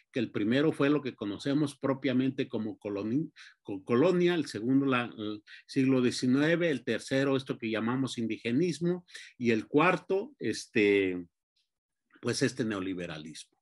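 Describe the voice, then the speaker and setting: A man giving an academic talk, lecturing at an unhurried pace with many fillers and restarts. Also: mid-range voice. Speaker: panelist.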